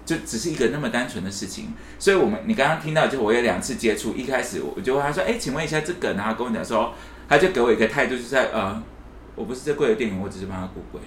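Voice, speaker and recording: In rapid-fire delivery, a man with a mid-range voice co-hosts a laid-back podcast conversation, narrating a story and acting out what people said. The recording has faint hiss and sounds like an echoey room.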